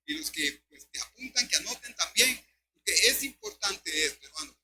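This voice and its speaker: An older man preaches an emphatic sermon in a high-pitched voice. He keeps turning to his listeners and calling them brother. A steady hum and noise sit under the recording. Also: normal speed. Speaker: pastor.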